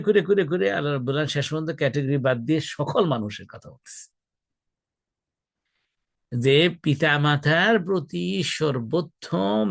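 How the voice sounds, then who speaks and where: A man's voice: a little high, creaky, no room sound. A middle-aged man gives a religious talk to an audience, chatty, asking them questions and drawing out key words. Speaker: Islamic lecturer.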